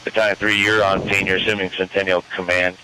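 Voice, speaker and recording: A man's voice: deep voice, fast, noisy background. Man dispatching over a two-way radio. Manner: flat, clipped dispatch calls. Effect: heard over a two-way radio. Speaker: emergency dispatcher.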